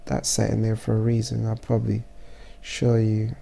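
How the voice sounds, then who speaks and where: A man with a stuffy, congested voice narrating a casual photo-editing tutorial as he works, halting and thinking aloud. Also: fairly low pitch, completely flat delivery, gravelly, dark tone. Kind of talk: casual software tutorial voice-over.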